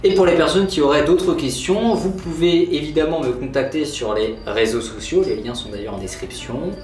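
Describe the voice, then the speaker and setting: A man's voice: a little high, normal speed, darkish tone. A man giving a formal, instructive scripted narration in the style of a nature documentary. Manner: didactic, formal phrasing. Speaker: presenter of an animal care video. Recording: roomy echo, distant mic, background music. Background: music.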